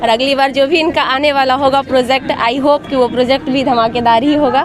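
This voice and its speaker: A woman's voice: high voice, fairly even intonation, fairly quick. A woman reporter wrapping up an interview in a fluent, effusive manner. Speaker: entertainment news reporter. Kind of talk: interview host sign-off.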